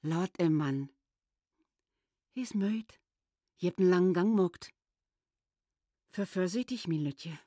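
An elderly northern wife with a Low German-tinged accent, worn out from caring for her husband. Her voice is husky and dry, recorded close with no room around it. She is blunt, sometimes scolding, sometimes soft. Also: slow, pauses often, no echo. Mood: tender. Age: older. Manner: blunt, scolding and tender by turns.

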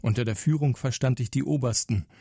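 An actor voicing a prisoner in a measured, formal reading of his interrogation statement. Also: medium pitch, creaky, dark tone, breathy edge, no echo, clean studio sound. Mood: sober, resolute. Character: historical male prisoner soberly stating his motives under interrogation. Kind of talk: dramatised reading of an interrogation record.

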